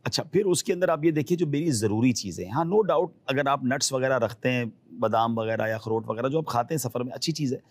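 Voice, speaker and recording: A man's voice: mid-range voice, hardly any pauses, no room sound. Earnest man giving cautionary travel advice. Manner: earnest, cautionary, acts out quoted people. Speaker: guest advising pilgrims. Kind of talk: advisory interview talk.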